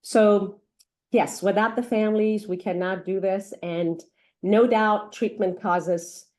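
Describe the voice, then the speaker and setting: Her mid-range voice is steady, slow and somewhat dark as this middle-aged woman doctor answers interview questions with earnest speech full of fillers and restarts. She works in pediatrics, grew up in Iran and Africa, and speaks English as a non-native language.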